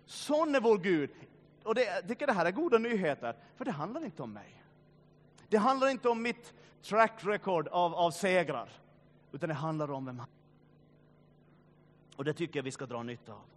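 A man preaching a sermon, swinging between loud urging and quiet, grave passages, with joking asides to the congregation. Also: high-pitched, animated, long pauses. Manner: joking asides, addresses listeners directly. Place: church meeting.

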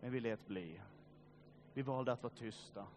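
A man preaching a sermon, swinging between loud urging and quiet, grave passages, with joking asides to the congregation. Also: mid-range voice, a little hiss or hum. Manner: joking asides, addresses listeners directly. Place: church meeting.

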